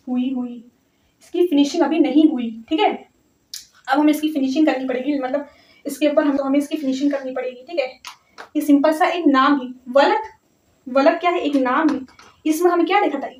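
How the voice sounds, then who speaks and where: A woman teaching a grammar lesson step by step, patient, repeating words slowly and often checking that her students follow. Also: sits high, a little mellow. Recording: echoey, distant, slightly dull audio.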